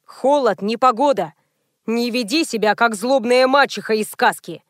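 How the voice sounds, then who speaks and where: Flustered adult son pleading with his mother, read by a woman narrator in her own high voice; dry close audiobook sound. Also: moderate pace, dry recording, lightly acted. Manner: awkward, pleading.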